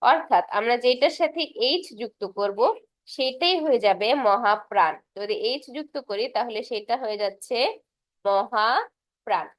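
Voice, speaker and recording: Young woman tutor, slightly high voice, patient, repeats herself, dry close mic. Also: normal speed, dry recording. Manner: patient, repeats terms, drawing while explaining. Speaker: tutor for university admission exams. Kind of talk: casual spoken lesson.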